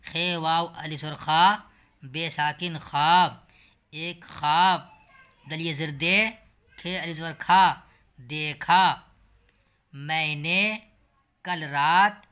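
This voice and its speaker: Slow, bright-voiced man spelling out words. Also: on the high side, steady tone, smooth. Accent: Urdu. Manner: spells each word letter by letter and vowel sign, then reads it whole. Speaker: language teacher. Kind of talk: slow spelling-out reading lesson.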